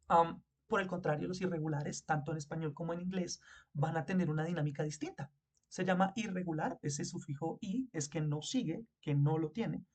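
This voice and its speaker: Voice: mid-range voice, a little mellow. Teacher walking through grammar rules, spells stuff out letter by letter, keeps checking you follow. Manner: explains step by step, spells words out letter by letter; asks the listener for agreement. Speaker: English teacher. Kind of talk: explaining grammar in a video lesson.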